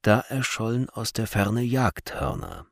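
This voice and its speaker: A man narrating a storybook in a lively, dramatic way. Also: lowish voice, a little slow, creaky, slight background noise. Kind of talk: storybook reading.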